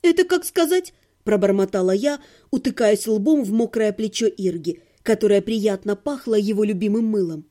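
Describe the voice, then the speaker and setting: A woman's voice: medium pitch, moderate pace, few pauses, warm tone. A woman reading a humorous fantasy audiobook in the first person, with a wry, ironic manner. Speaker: audiobook narrator.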